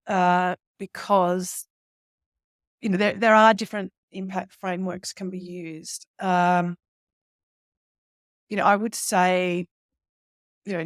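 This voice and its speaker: A woman investor as an interview guest, speaking in a measured way with many "you know" fillers. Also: on the low side, no room sound, clean studio sound. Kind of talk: interview conversation.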